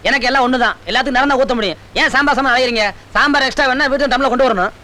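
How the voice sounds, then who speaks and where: A man's voice: very high voice, rapid-fire, bright, forceful tone. A man in a film comedy scene, talking back cheekily.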